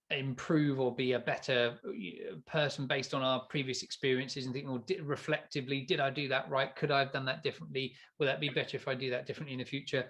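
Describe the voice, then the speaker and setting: Stuffed up with hay fever, this podcast co-host sounds nasal in a medium-pitched, slightly bright voice. The chat is casual, and he rambles along with stammered restarts and plenty of laughter.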